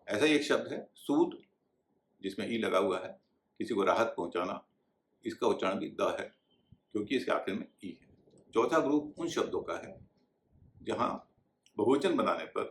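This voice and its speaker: A man with a fairly low voice explains pronunciation rules in a slow, deliberate teaching manner, spelling words out letter by letter. The recording has a noticeably echoey, roomy sound. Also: animated, slight background noise.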